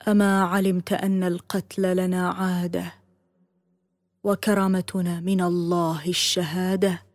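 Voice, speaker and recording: A chained young captive in an audiobook story, calm and proud, as a woman narrator reads him. He answers quietly with cool contempt, close to her own voice. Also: fairly low pitch, measured pace, no room sound. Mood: dignified. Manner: calm, scornful dignity.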